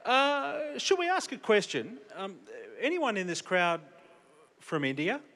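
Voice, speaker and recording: Man, stage host, jokey, works the crowd, slightly raised pitch. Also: very animated, a little slow, a bit bright. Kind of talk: on-stage interview chat. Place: convention stage.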